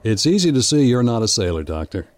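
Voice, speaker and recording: A man's voice: mid-range voice, very animated, fast talker, no room sound, close to an everyday voice. A man playing a keen, observant ship's officer with salty nautical talk in a period sea drama. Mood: keen, intrigued. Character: eager, curious male ship's officer, seasoned sailor. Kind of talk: period maritime audio drama acting.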